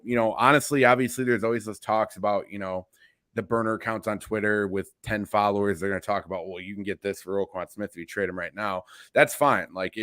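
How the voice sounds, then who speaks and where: Low-voiced, emphatic male podcast co-host. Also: fairly bright tone, clear, resonant tone, dry recording, studio quality. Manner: emphatic, profane. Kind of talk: casual sports podcast chat.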